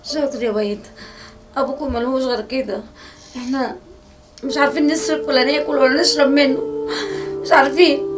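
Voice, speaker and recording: A woman's voice: high-pitched, fairly even intonation, a little fast, pauses often, natural voice. An actress with an Egyptian Arabic accent playing a worn-out, nearly blind mother who pleads with her husband, heard from a distance with music behind. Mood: tender. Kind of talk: amateur family drama.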